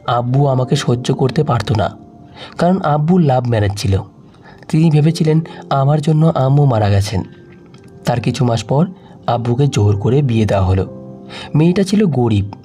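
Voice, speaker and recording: In a soft, sorrowful way, a man with a medium-pitched voice reads an emotional audio story told in the first person.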